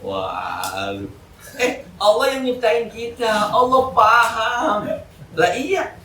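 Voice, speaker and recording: Male ustadz, slangy and joking, slightly high voice, roomy distant mosque recording. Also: takes it slowly, a little hiss or hum. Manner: joking, colloquial, lively street slang. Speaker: ustadz giving an Islamic study lecture. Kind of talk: casual evening sermon. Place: mosque hall. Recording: echoey hall, mic from a distance.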